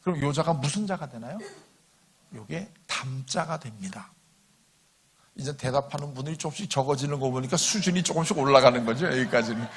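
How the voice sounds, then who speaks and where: A man's voice: medium pitch, lively intonation, fairly quick, slightly rough. An older man speaking as a guest lecturer at a church meeting, in a conversational style, often putting questions to the audience and chuckling along.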